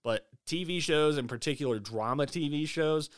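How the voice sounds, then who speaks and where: A man co-hosting a casual chat, talking in a rambling, laid-back way and often trailing off into quiet asides. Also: fairly high pitch, normal speed, no room sound, clean studio sound.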